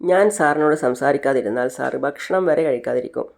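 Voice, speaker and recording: A woman's voice: a bass voice, fairly quick, vocal fry, darkish tone. A narrator retelling a TV serial scene, voicing a jealous, possessive young woman who scolds sharply. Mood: jealous scolding.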